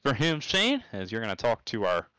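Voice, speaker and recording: Bright animated guy hosting a sim race broadcast, trips over words a lot. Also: mid-range voice, normal speed, clear, resonant tone, dry recording, low-quality recording. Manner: lively, chatty, stumbles and repeats words. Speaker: race commentator and interviewer. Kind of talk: casual broadcast commentary.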